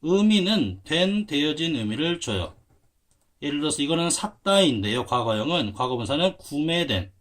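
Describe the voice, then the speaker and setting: The same English grammar instructor explains at the board for Korean students, patiently spelling out words one letter at a time. Here his voice is on the high side, animated and slightly bright, at a moderate pace.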